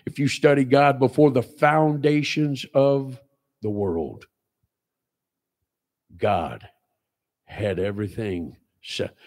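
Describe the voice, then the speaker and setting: A man's voice: slow, pauses often. Emphatic man in his sixties preaching. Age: 60s. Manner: emphatic preaching with repeated phrases, swinging between loud and low. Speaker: pastor. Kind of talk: sermon. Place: small church sanctuary, indoors.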